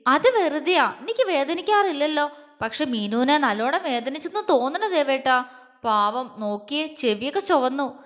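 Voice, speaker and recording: A woman voicing a sweet, timid, childlike young woman in a storybook reading, with a soft, pleading way of talking. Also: sits high, animated, normal speed. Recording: long echoey reverb.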